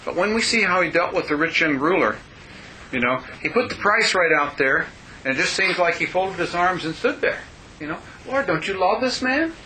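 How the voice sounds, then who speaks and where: Guy leading a group talk, kinda high and really bright, earnest and emphatic. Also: animated, a little fast, slight background noise, low-quality recording. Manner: earnest, emphatic, addresses others by name. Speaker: discussion leader. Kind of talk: preaching discussion.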